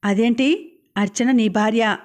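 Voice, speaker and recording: A woman voicing a stern, aging village father who speaks in a measured, grave way. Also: on the high side, fairly even intonation, darkish tone, lightly acted.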